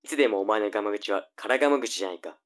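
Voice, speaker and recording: A man's voice: fairly low pitch, very fast, close to an everyday voice. A man playing a nagging, flippant young older brother in a tongue-twister audio drama. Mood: needling.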